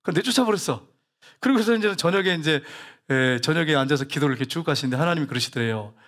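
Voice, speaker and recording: A man's voice: fairly high pitch, lively intonation, quick pace, fairly bright tone. A man preaching a sermon to his congregation, telling stories and asking the congregation questions. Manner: folksy storytelling, rhetorical questions, acted quotes. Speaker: pastor.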